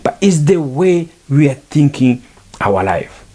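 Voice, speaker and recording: Middle-aged man, podcast monologue, earnest and repetitive, slow delivery. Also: a little high, very animated, dark tone. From Rwanda. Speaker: podcast speaker. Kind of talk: reflective monologue on faith and culture.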